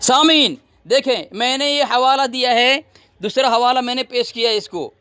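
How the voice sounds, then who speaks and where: Commanding man in a debate, mocking and firm, very high, sharp voice, dry close sound. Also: moderate pace, clear, resonant tone, no echo. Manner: commanding, demands silence, mocking. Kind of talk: heated religious debate addressing listeners.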